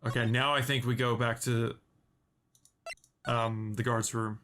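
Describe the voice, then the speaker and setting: A man's voice: medium pitch, little pitch movement, unhurried, sharp tone, a little hiss or hum. A man giving casual let's play commentary, reading game text in an offhand way. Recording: game music behind the voice.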